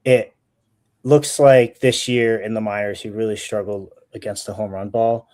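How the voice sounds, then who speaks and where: A man's voice: on the low side, steady tone, normal speed, darkish tone. A man co-hosting a betting show, thinking aloud while he checks stats. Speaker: sports betting show co-host. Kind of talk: casual betting talk.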